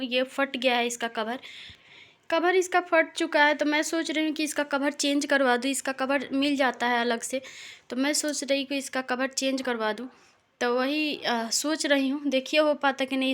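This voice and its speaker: A young woman from India narrating a casual home vlog, speaking slowly and deliberately with frequent pauses. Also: high-pitched, fairly bright tone. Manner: slow, deliberate, pausing often. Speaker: vlogger. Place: home, indoors.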